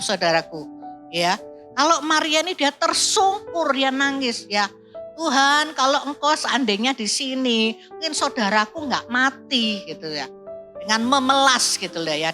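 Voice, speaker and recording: Bright woman preacher. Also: fairly high pitch. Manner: explaining, often adds "ya" and "Saudaraku". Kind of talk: sermon with Bible reading. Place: church service.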